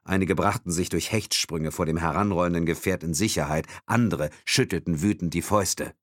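A man narrating a thriller audiobook in a dramatic, expressive reading. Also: deep voice, brisk, no echo, studio quality.

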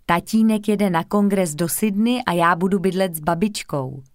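A woman's voice: lowish voice, no echo, studio quality, close to an everyday voice. A woman voicing a cheerful, proud little girl who is eager to travel. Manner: lively, proud.

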